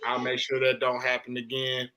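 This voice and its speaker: A man's voice: medium pitch, monotone, moderate pace, noisy background. A man hosting a podcast, delivering an impassioned, emphatic soapbox monologue in casual, slangy, profane speech, often repeating himself for emphasis. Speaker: podcast host.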